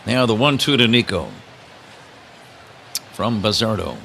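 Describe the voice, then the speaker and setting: Speaking at a measured pace with vocal fry, a man on the low side calls live baseball on the radio as play-by-play announcer. A steady hum of the outdoor ballpark creates slight background noise.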